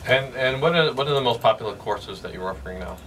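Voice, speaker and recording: A man's voice: medium pitch, lively intonation, fast, a bit bright. A man hosting a radio business show, asking a guest long, hesitant questions. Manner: questioning with many fillers and restarts. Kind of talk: radio interview. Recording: distant mic with background noise.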